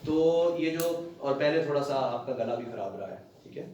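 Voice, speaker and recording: A male doctor examining a patient at the bedside, gently coaxing and repeating his instructions and praising the patient. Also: medium pitch, expressive, normal speed, dull audio, a little hiss or hum. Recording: very echoey ward, distant, crowd behind.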